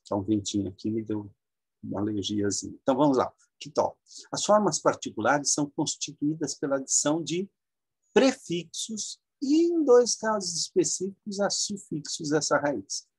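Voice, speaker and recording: A man from Brazil, teaching a slow, halting lecture with many fillers and drawn-out example words. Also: fairly high pitch, animated, breathy edge, no room sound. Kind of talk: classroom lecture.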